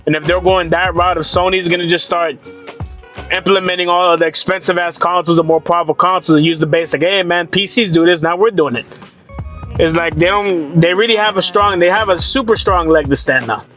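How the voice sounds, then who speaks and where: A man's voice: sits high, steady tone, fairly quick, sharp tone, faint music behind. A young man ranting casually about gaming prices, profane, rambling and sarcastic. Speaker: gaming commentator. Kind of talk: casual rant to camera.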